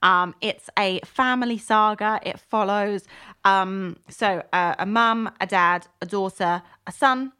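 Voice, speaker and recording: A woman's voice: medium pitch, measured pace, bright, forceful tone, smooth. A woman co-hosting a book podcast, chatting casually with many fillers and restarts. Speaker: podcast co-host.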